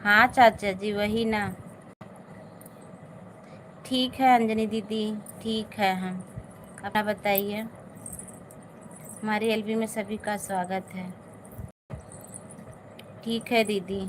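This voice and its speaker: A woman's voice: mid-range voice, fairly even intonation, slow pace, long pauses, slight background noise. A woman hosting a casual live stream, reading viewers' comments aloud and answering them, still recovering from an illness.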